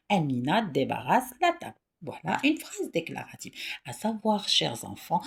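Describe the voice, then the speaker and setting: Slow, lively woman teaching grammar. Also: sits low, creaky, husky. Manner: patient, repeats key points and checks with "d'accord?"; raises her voice when reading questions aloud. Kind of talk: grammar lesson for children.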